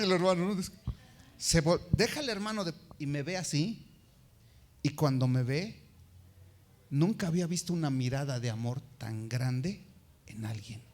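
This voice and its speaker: A man's voice: fairly high pitch, darkish tone. A man preaching a sermon, telling a personal story and acting out the voices of the people he quotes.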